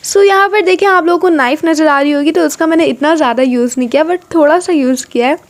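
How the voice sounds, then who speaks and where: A young woman from Pakistan with a high voice chats her way through a home kitchen vlog. She rambles, fills gaps with little stock phrases and giggles, talking to a camera she sometimes holds in one hand. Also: quick pace. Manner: chatty, rambling, with frequent filler phrases and giggles. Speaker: vlogger. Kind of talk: casual cooking vlog chat. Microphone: camera or phone, sometimes hand-held.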